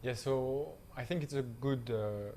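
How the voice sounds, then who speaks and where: A young man, a panel guest speaking halting English with many fillers. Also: medium pitch, a little mellow, a little hiss or hum. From France. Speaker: panel guest, volunteer teacher.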